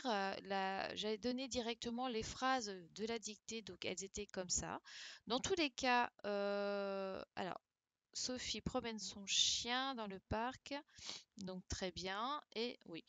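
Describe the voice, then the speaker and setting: Slow, patient woman teacher. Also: a little high, a bit bright, no echo. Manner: patient, encouraging, reads words slowly. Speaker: primary school teacher. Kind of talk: live-streamed dictation correction.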